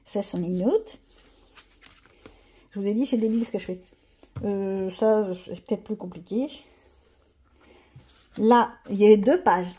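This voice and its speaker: A woman's voice: mid-range voice, unhurried, pauses often, mellow, slightly rough. A woman chatting casually to her viewers while she colors, thinking aloud and joking about herself. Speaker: coloring vlogger.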